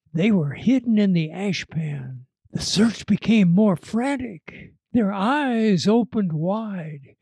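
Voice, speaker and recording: A man telling a frontier tale aloud in a dramatic, lively storytelling manner. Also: high voice, husky, dry recording. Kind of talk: told tall tale.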